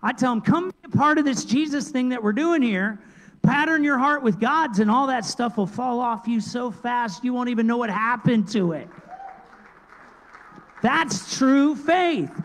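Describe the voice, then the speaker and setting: High-voiced preaching man in reverberant church. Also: unhurried. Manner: lively preaching, jumps between loud emphasis and quiet asides. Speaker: pastor. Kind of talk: sermon. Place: large church sanctuary. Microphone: handheld microphone.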